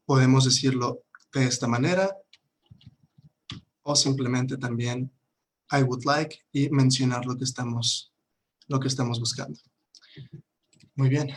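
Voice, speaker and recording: A man's voice: mid-range voice, a little hiss or hum. A man teaching an online language lesson, patiently repeating words for his students to drill. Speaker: English teacher.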